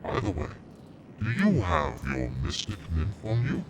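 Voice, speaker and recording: A man voicing a formal, humble male servant in dialogue through a deep metallic robot voice filter on his mixer. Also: huge pitch swings, exaggerated voice. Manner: formal, deferential, measured. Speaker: gaming streamer. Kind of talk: voicing game dialogue live. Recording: loud noise under a filtered voice.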